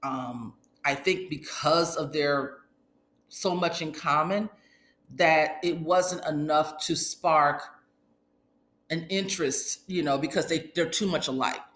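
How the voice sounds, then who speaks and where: A woman giving casual, opinionated reality TV commentary as a host, with colloquial sassy asides and animated retellings of what others said. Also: sits low, slow pace. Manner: animated retelling, acting out others' quoted remarks. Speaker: host of a reality TV recap show. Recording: echoey, reverberant room.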